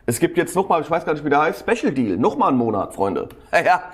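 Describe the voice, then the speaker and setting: A man's voice: fairly high pitch, big pitch swings, quick pace. A man casually commenting on a rap battle as a tutorial host, slangy and enthusiastic, often laughing.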